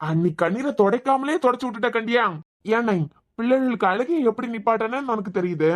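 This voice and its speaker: A woman's voice: on the high side, fast talker, lightly acted. Woman voicing a cheeky wisecracking cartoon young man. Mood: teasing. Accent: Kanyakumari Tamil. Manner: teasing, wisecracking. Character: joking young man, cheeky debt-ridden student. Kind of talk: cartoon web series dialogue.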